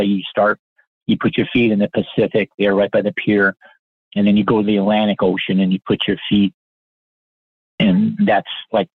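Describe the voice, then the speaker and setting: A man's voice: fairly low pitch, breathy edge, no echo. A man in his sixties, a podcast guest telling stories in a casual, earnest and polite way, often restarting his sentences. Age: 60s. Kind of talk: casual anecdotal storytelling. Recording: tinny phone-like line, dry.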